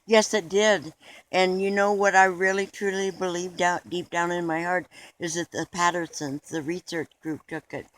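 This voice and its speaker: A man's voice: sits high, flat delivery, moderate pace, fairly bright tone, rough recording. A man being interviewed in a mock documentary, talking in an earnest, rambling way with restarts.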